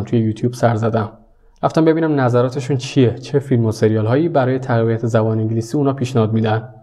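A young man teaching a video lesson, talking directly and warmly to his viewers. His voice is mellow and relaxed, sitting at an ordinary middle pitch. He stays earnest and friendly throughout. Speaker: English teacher.

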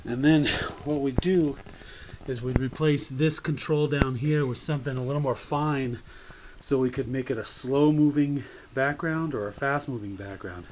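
A man casually demonstrating a homemade prototype, talking in halting bits with fillers and restarts. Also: medium pitch, darkish tone, slight background noise, low-quality recording. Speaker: hobby builder demonstrating a prototype. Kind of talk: casual home-video demo. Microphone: handheld camera mic.

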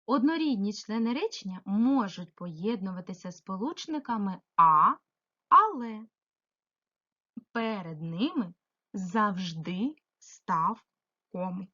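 A female primary school teacher giving a remote grammar lesson, asking the pupil questions and answering them herself, stretching example words slowly. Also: mid-range voice, expressive, bright, forceful tone, lo-fi sound. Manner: slow, sing-song emphasis on example words; addresses the pupil directly, asks and answers herself.

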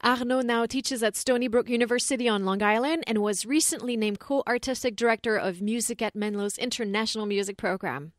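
Bright, enthusiastic woman podcast host. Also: fairly high pitch, brisk, hardly any pauses, dry recording, clean studio sound. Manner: enthusiastic, reading an introduction. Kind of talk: podcast interview.

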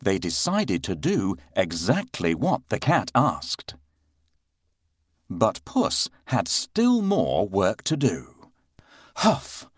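A man narrating a bedtime story for children, slow and expressive, with playful sound effects. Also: medium pitch, no room sound, clean studio sound.

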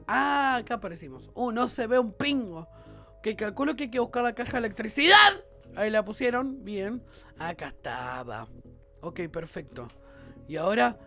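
A man with a Rioplatense Spanish accent giving let's-play commentary, excitable and often bursting into shouts. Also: very high-pitched, vocal fry. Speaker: gaming YouTuber.

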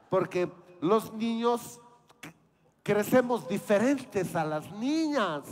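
A man, telling a comedy story on stage and acting out the voices. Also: high voice. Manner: animated, acts out voices. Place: outdoor fair stage.

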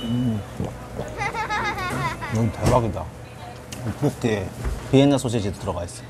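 A man's voice: lowish voice, a little slow, background noise. A man reviewing food as a food-tour YouTuber, talking with his mouth full of kimbap and exclaiming over how good it is, inside a restaurant. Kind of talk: casual mukbang food review.

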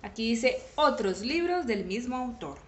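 Woman storyteller, slow unhurried reading, bouncy animated pitch, echoey room. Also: background noise. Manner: animated, with sudden shouted exclamations. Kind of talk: reading a children's story aloud.

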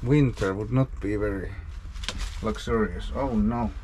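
On noisy outdoor camera audio, a native Finnish urban explorer talks through his look at an abandoned house, casually thinking aloud and restarting sentences often. His voice is fairly low, mellow and a little slow.

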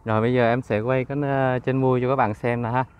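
A man's voice: mid-range voice, little pitch movement, fast talker, clean tone, highs cut off. A man with a Southern Vietnamese accent, a used car dealer giving a casual walkaround of a vehicle in a chatty, upbeat sales patter. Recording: engine noise and ambient clatter. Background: idling car engine.

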